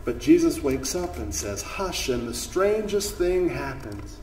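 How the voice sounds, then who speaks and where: A man, a pastor, telling a story at a children's chapel service, lively in the tale and soft and gentle in the prayers. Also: medium pitch, a little slow, slight background noise. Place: church chapel. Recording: echoey room, voice from far off the mic.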